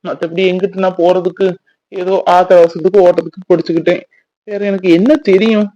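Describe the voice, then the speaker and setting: A man's voice: sits high, level tone, a little fast, mellow, no room sound, lo-fi sound. A man acting a husband in a family drama, talking in a despairing, self-blaming way.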